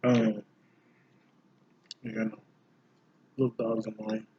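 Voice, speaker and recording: A man's voice: on the low side, completely flat delivery, takes it slowly, mellow, husky, muffled recording. A man co-hosting a casual eating vlog, telling a story bluntly and sounding grossed out. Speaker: vlog co-host. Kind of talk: casual chat while eating.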